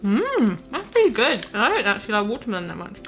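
A woman's voice: mid-range voice, wildly swooping pitch, fast, fairly bright tone, soft background music. A British woman chatting casually during a taste test, talking with her mouth full of candy. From Britain. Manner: chatty, giggly, blunt opinions. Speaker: vlog co-host.

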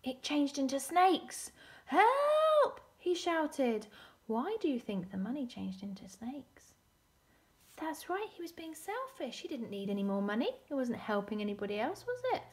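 A woman teacher reading a storybook aloud to children, expressive, often dropping to a whisper and asking questions. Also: a little high, moderate pace.

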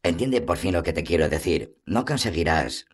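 A man's voice: low voice, expressive, normal speed. A man reading a fantasy audiobook, voicing a stern, weary male monster hunter who speaks urgently and insistently.

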